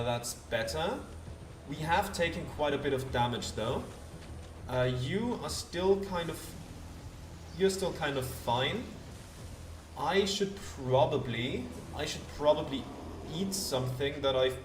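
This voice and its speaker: A man's voice: mid-range voice, unhurried, slight background noise. A man hosting a let's play with casual commentary, thinking aloud and talking to the game's characters. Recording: roomy distant voice under loud game music.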